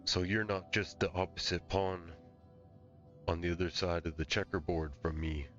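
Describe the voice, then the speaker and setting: Deep-voiced man role-playing in a game. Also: level tone, normal speed, fairly bright tone, muffled recording, faint music behind. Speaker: player character in a fantasy game. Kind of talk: improvised in-character role-play chat.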